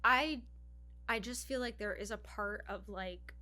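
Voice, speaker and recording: Bright-voiced woman podcast co-host. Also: medium pitch, measured pace. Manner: animated, repeats herself, laughs often. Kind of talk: casual chat.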